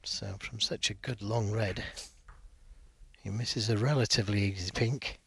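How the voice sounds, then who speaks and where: A male snooker commentator speaks in a hushed, husky voice on the low side. He is measured and understated, analysing play as it unfolds. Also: steady tone, dry recording.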